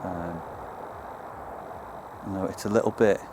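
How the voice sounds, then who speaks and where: Uneasy Liverpool man in dark woods. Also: low voice, fairly even intonation, measured pace, noisy background. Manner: hushed, uneasy. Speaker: paranormal investigator. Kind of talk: calling out to spirits, talking to camera. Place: woods outdoors at night. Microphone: handheld camera.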